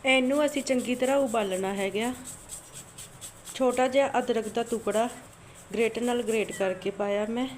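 A woman's voice: fairly high pitch, moderate pace, long pauses, slight background noise. Woman narrating a home cooking vlog. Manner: homely, repetitive step-by-step instructions. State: sore throat. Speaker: cooking channel host. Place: home kitchen.

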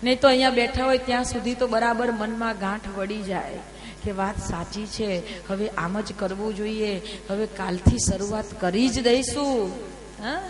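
A woman's voice: mid-range voice, steady tone, moderate pace. A woman from Gujarat telling scripture stories as a preacher, emphatic, with rhetorical questions and asides to her listeners. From Gujarat, India. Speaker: scripture storyteller. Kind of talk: devotional sermon storytelling. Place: temple hall. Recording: reverberant hall with faint noise.

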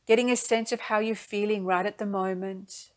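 A woman guides a meditation at medium pitch and in a steady tone. She speaks in soft phrases, gentle, soothing and unhurried.

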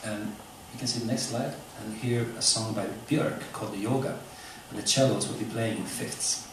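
In a club room before a seated audience, a male musician lectures informally, explaining in a halting way. His voice is lowish with fairly even intonation. It comes through a stage mic and speakers, captured from far off in an echoey, noisy hall recording.

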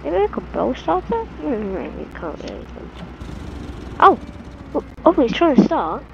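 A woman casually commenting on her own gameplay, muttering to herself in halting bits. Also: sits high, very animated, gravelly, a bit bright, lo-fi sound, slight background noise.

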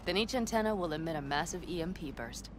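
A confident young female outlaw from a video game, played by an actress, with a lowish voice and a blunt, practical manner. Vehicle noise runs clearly behind her. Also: expressive, fast talker, natural voice. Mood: matter-of-fact. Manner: blunt, matter-of-fact, dry.

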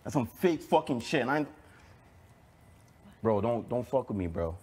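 A man's voice: mid-range voice, big pitch swings, measured pace, darkish tone, breathy edge. An angry man on a reality show, talking in slang and repeating himself. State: fired up. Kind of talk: heated confrontation.

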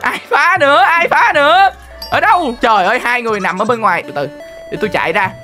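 A young woman gives excited, exclamatory commentary as she plays a game. Her voice is high and bright, and she talks at a rapid clip. Faint game music runs behind her. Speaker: gaming channel host.

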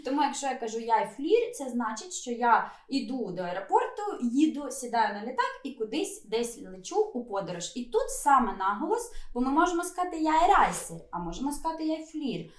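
A woman co-hosting a relaxed language lesson, explaining word meanings patiently and laughing easily. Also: fairly high pitch, a little fast, hardly any pauses, reverberant. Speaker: language teacher co-host.

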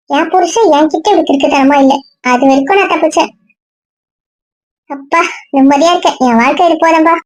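A woman's voice: high-pitched, no echo. A woman in casual family banter, scolding and exasperated with her relatives.

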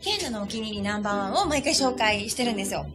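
A woman hosting a casual talk show, bubbly and quick to laugh, with loud exclamations. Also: medium pitch. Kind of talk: casual chat. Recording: music playing loudly behind.

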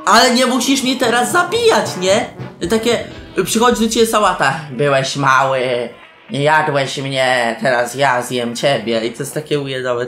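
Excitable young man, roomy echo. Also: high voice. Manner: excitable, shouting and laughing, mixes in English slang. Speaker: gameplay commentator. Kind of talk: casual let's-play commentary. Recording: roomy echo with faint game music.

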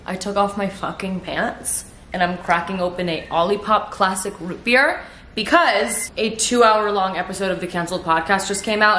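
A young woman vlogging at home, rambling through animated stories with lots of swearing and filler words. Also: medium pitch, a little hiss or hum. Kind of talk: casual vlog chat. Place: at home in her apartment. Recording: roomy, echoey room.

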